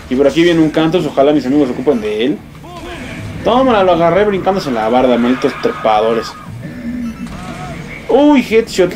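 A young man with a Mexican accent giving excitable, swear-filled let's play commentary, yelping and exclaiming as he plays. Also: a little high, noisy background. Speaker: gamer.

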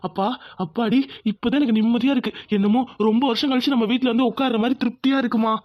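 A man's voice: extremely high pitch, steady tone, quick pace, no room sound. A man voicing an earnest young husband in a cartoon who pleads with his father. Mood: pleading. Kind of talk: cartoon dubbing. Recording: dull lo-fi audio.

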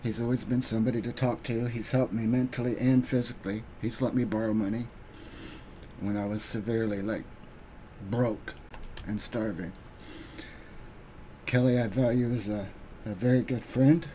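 A man giving an earnest, halting thank-you speech on his live stream, pausing often with ums. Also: medium pitch, steady tone, warm tone, a little hiss or hum. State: getting emotional.

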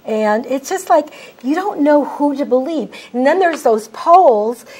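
Woman hosting a talk show, kinda high voice, lots of ums and restarts. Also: expressive, a little mellow. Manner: halting, many fillers and restarts. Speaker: host. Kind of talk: casual talk-show chat.

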